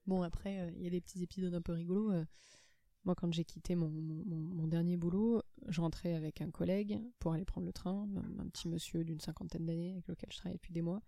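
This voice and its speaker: A woman from France chatting casually as a podcast host, telling stories in a lively way and acting out the people in them. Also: fairly low pitch, fast, creaky, no room sound. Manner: lively storytelling, acts out the people in her stories. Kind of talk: casual conversation.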